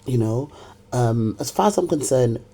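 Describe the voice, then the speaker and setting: Middle-aged woman, dark husky voice, ranting and scolding someone who isn't there, talks right to the camera. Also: extremely low pitch, lively intonation, normal speed. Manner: confrontational, repetitive, rants at an absent person. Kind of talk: direct-to-camera monologue.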